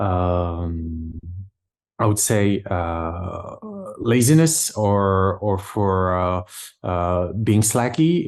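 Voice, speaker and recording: A man's voice: on the low side, darkish tone. A man from Morocco whose first language is French, answering interview questions with many fillers and restarts. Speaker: guest. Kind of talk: interview conversation.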